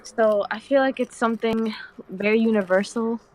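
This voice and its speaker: A woman's voice: fairly high pitch, moderate pace, darkish tone, poor audio. A nineteen-year-old woman from the Dominican Republic, chatting as a guest on a live stream in a slangy, rambling way full of "like". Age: young adult, 19. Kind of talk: casual chat on a live stream.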